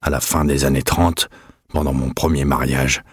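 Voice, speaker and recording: A man voicing a bitter, guarded old former officer in a storybook reading, speaking in measured, cold threats. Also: rumbling low, breathy edge, no room sound, studio quality, full character voice. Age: older.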